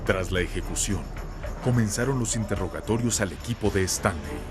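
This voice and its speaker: A male narrator with a lowish voice reads a documentary script in a formal, even manner. Clear music plays under his voice. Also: normal speed.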